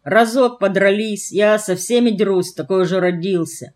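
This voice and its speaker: A woman's voice: medium pitch, moderate pace, darkish tone, natural voice. Brief: a big clumsy fighter, naive and sheepish, read by a woman, storybook. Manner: mumbling, simple, childlike. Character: big rough young man, a brawler, sheepish and naive.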